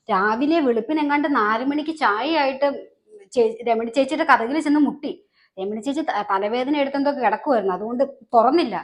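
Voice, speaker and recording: Gossipy neighbour woman with a high voice who tells every tale dramatically, played by a woman. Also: close to an everyday voice. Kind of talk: short-film family drama acting.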